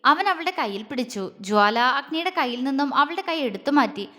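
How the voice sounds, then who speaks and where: A woman storyteller narrating a romance audio story in a calm, gentle reading voice. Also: high voice, fairly quick, long reverb tail.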